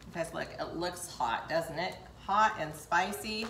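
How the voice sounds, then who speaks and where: An older woman hosts a casual cooking demonstration in her home kitchen, chatting straight to viewers as she works. The sound bounces around the room with clear background noise under her voice. She is recorded from a camera set back across the counter. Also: lowish voice, a little slow, a bit bright, reverberant, low-quality recording. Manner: chatty, talks straight to viewers while working. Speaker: cooking show host.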